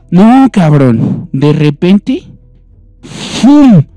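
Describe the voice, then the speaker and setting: A man's voice: a little high, normal speed, loud music behind the voice. A young man with a Mexican accent casually telling a scary story among friends, acting out voices with lots of slang. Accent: Mexican Spanish. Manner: animated, acts out voices and screams, heavy slang. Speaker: storyteller guest.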